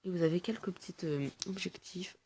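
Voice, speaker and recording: Gravelly woman chatting through gameplay. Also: lowish voice, fairly quick, mellow. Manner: chatty, explains to viewers, many fillers. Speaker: gaming video host. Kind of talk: casual gameplay commentary.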